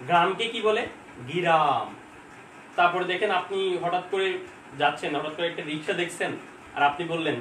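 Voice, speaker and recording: Teacher, male, fairly high voice, chatty lecture style that poses and answers its own questions, recorded at a distance. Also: fairly bright tone. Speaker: exam-prep teacher. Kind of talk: informal online lecture. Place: home. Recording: echoey room, far from mic, faint hiss.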